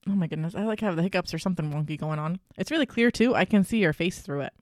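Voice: medium pitch, dry recording. Podcast co-host, casual beer-tasting chat, playful, chatty, dry close sound. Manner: chatty, playful, quick asides.

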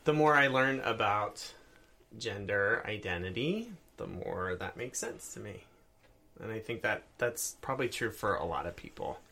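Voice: medium pitch, sing-song, moderate pace, sharp tone, slight background noise. A podcast host who interviews a program participant with open, encouraging questions and uses fillers like "um" and "like". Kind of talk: casual interview talk.

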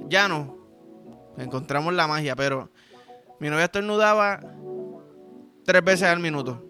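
A man's voice: high voice, sharp tone. A young Puerto Rican man hosting a podcast, telling a crude comic story in a casual monologue with acted sound effects. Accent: Puerto Rican Spanish. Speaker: podcast host.

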